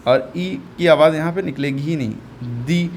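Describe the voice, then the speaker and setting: In this phonics lesson, a man whose voice sits a little high moves at a moderate pace, patiently repeating each sound and testing his learner one step at a time as he teaches English reading. A faint hiss or hum runs underneath.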